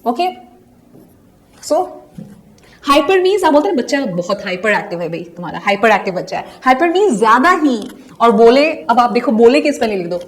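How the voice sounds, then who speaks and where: A woman's voice: fairly high pitch, big pitch swings, brisk. A young woman with an Indian accent, teaching a poem lesson and asking and answering her own questions step by step. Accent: Indian English. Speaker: English teacher.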